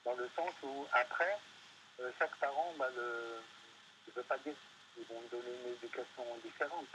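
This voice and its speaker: A man's voice: medium pitch, moderate pace, bright, forceful tone, a little hiss or hum, low-quality recording. A man being interviewed, talking hesitantly with many fillers and restarts. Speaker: interview guest. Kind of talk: casual panel interview. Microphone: studio microphone.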